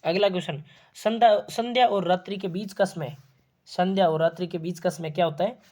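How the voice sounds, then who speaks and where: A man's voice: sits high, fairly even intonation, a little fast, a little mellow. A man teaching an exam-prep lesson, asking questions and then answering them himself, repeating key words.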